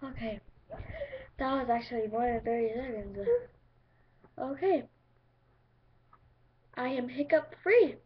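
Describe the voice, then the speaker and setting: A high-pitched female voice walks the viewer through a home remedy one step at a time in a chatty way. The recording is dull and lo-fi, with a faint hiss under it. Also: takes it slowly, long pauses. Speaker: video host. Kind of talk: casual home video how-to.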